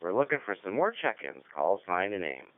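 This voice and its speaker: A man's voice: low-pitched, very animated, brisk, no echo. A man hosting a ham radio net in a chatty, rambling way, heard over a radio link. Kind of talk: casual on-air net chat. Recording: narrow radio-link sound, dry.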